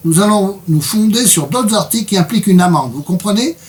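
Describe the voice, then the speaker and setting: A man voicing a stern, condescending middle-aged female district judge in a formal, steady reading voice. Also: high voice, a little fast, voice pushed up.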